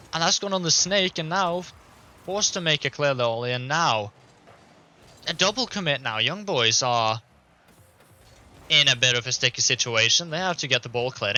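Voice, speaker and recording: A man doing fast, excited play-by-play commentary as an esports caster. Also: fairly high pitch. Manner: quick, excited play-by-play, laughs easily.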